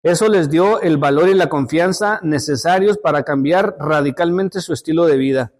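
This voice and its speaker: A man with a high voice teaches a Sunday school lesson. He tells stories in an unpolished way, often repeating words and restarting phrases, and calls his listeners brothers. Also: normal speed. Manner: storytelling, addresses listeners as brothers.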